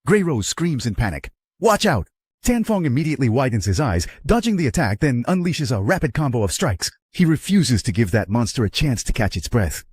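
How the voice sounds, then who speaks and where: A man's voice: mid-range voice, very animated, a little fast, few pauses, a little mellow, husky, no echo, clean studio sound. A man narrating a story recap in a dramatic storytelling manner. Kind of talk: scripted narration.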